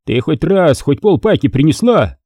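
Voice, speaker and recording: A cocky, power-drunk young man, as a male reader puts him on in an audiobook crime story. He sneers and talks down to everyone in a raised, lively voice. Close, dry sound. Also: on the high side, normal speed, husky, no echo, voice pushed up, exaggerated voice. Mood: sneering. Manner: sneering, condescending. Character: arrogant mocking male student, power-drunk, giggling.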